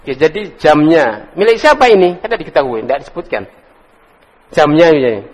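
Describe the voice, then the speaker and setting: Animated and brisk, this man's fairly high voice runs an Arabic class where he drills vocabulary and calls on students by name. His manner is casual with the odd chuckle, and the sound echoes around a hall.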